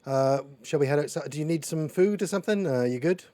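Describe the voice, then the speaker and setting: A man's voice: on the high side, quick pace, dark tone, no room sound. A man roleplaying a polite telegram agent, talking in a rambling, hesitant way with many fillers and restarts. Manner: polite, addresses others as sir. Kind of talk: in-character roleplay chat.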